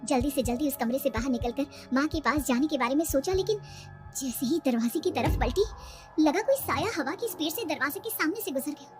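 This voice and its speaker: A woman's voice: sits high, lively intonation, a little fast, over music. A woman narrating a first-person horror bedtime story in a tense, suspenseful way. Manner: tense, breathless suspense telling. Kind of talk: dramatic scripted horror narration.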